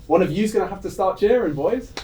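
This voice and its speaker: A man's voice: high-pitched, animated, fast talker, mellow. A man interviewing players casually, chummy and joking. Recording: distant mic, noisy background.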